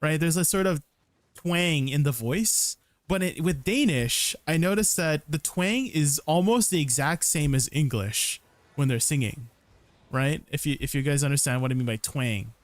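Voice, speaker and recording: A young male streamer with a fairly high-pitched voice speaks at normal speed, with no echo, as he casually narrates his gameplay. Chatty, he explains combos, takes viewer questions, and often ends with "right?".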